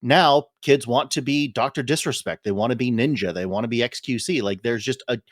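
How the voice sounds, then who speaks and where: A man co-hosting a gaming podcast in casual chat, talking things through in a measured way. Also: mid-range voice, dry recording, studio quality. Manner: measured, many "you know" fillers. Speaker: podcast co-host.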